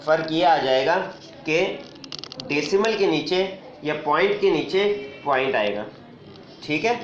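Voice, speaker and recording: A man's voice: a little high, animated, a little slow, a little hiss or hum. Man teaching math, roomy lo-fi sound. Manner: repeats key points and asks rhetorical check questions. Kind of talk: classroom math lesson. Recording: roomy, dull lo-fi recording.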